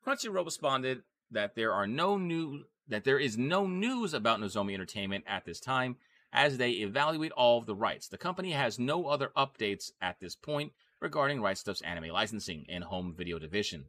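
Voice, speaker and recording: A man's voice: medium pitch, big pitch swings, moderate pace, sharp tone. A man hosting a casual anime news podcast, rambling with fillers and restarts as he talks. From Texas. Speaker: podcast host.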